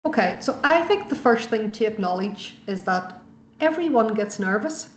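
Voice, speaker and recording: A woman's voice: fairly high pitch, animated, moderate pace, a little hiss or hum. A woman giving explanatory coaching as a trainer, reassuring and emphatic, repeating her key phrases. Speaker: sales pitch trainer. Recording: roomy, echoey sound.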